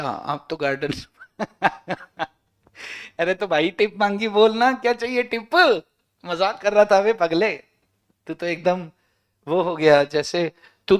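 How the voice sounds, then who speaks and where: Slow-talking law teacher, teasing. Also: male voice, high voice. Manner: teasing, bantering with students. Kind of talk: joking online class lecture.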